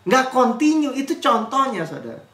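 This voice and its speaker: A male pastor preaches an animated sermon, jumping between loud mocking impressions and quiet asides. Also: very high voice, moderate pace, echoey room. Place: church.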